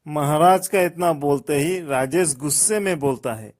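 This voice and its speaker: A man narrating a folk tale in a measured storytelling manner. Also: fairly high pitch.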